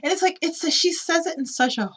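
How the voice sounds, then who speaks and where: Animated woman retelling a movie. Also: very high-pitched, fairly quick. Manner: animated retelling, acts out characters' lines. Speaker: podcast co-host. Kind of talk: casual film discussion.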